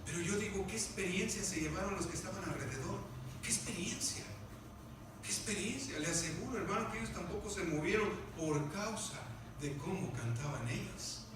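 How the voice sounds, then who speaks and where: High-voiced fervent preaching pastor, echoey. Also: male voice, lively intonation, brisk. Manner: preaching, swings from quiet asides to loud fervent outbursts; addresses listeners as "hermano" constantly. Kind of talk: sermon. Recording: echoey church room, mic far away, background noise.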